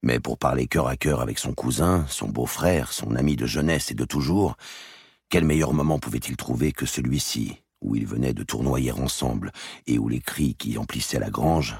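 Audiobook narrator, a man with an extremely deep husky voice, slow grave reading, dry close sound. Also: no room sound. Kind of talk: scripted narration of a historical novel.

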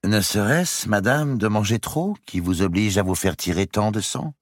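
A man voicing a sly, cruel lady's maid in her thirties who speaks with false gentleness. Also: on the low side, animated, normal speed, no room sound, studio quality, voice pushed up. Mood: coolly defiant.

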